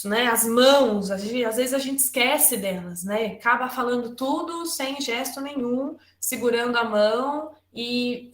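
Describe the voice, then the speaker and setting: A woman's voice: on the high side, fairly bright tone, roomy sound. A woman giving a webinar lecture, talking in a loose, conversational way with frequent tag questions and restarts, over a computer mic.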